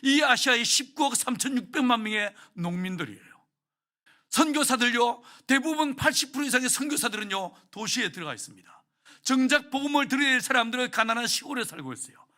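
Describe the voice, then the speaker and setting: A male pastor delivers a heartfelt sermon, his voice sitting very high for a man. He tells a story with strong feeling and keeps turning to the congregation with questions. His tone is bright and forceful. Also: lively intonation, a little fast. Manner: emotional storytelling that acts out prayers and asks the congregation questions.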